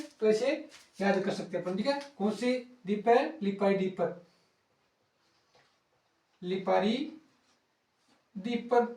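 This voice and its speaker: A man teaching geography for an exam-prep class. He repeats key words, uses playful rhymes as memory tricks and slows down while he writes. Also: extremely high pitch, darkish tone, far from the mic. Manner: pauses to write on a board, drawing out words. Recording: roomy sound from off-mic.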